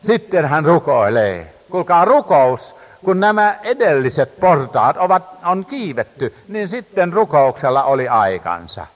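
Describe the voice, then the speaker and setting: Male preacher, fervent sermon delivery with hesitant "äh" fillers; lively, somewhat high voice; long reverb of a large hall. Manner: impassioned, rising and falling emphasis, frequent hesitations.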